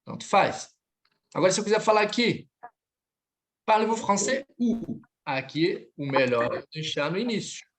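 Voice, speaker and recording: A man's voice: high voice, expressive, normal speed, fairly bright tone, slight background noise. Male language teacher, patient drill style, live online class, corrects students between languages. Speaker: French teacher.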